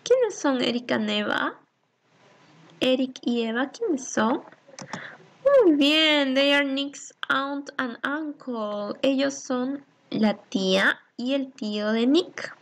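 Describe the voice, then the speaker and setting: A woman's voice: high voice, slow, a little hiss or hum. A woman teaching a recorded English lesson for children, patiently reading each English line and then translating it, and asking questions that she answers herself.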